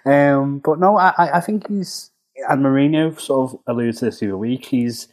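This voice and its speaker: A man's voice: medium pitch, normal speed, darkish tone. A man with a Scouse accent giving football analysis on a podcast, thinking aloud with frequent restarts. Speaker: football pundit. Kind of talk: casual podcast chat.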